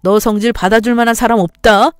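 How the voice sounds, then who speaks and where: A woman voicing a cheating, resentful husband who shouts and sneers, in a story-radio reading. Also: a little high, fairly even intonation, quick pace, clear, resonant tone, no room sound, studio quality, faint music behind, close to an everyday voice. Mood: sneering.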